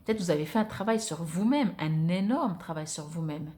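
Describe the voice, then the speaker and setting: With a lowish, slightly mellow voice, lively intonation and a moderate pace, this oracle card reader whose first language is French offers viewers an informal spiritual reading. She sounds conversational and hesitant, often searching for the right words.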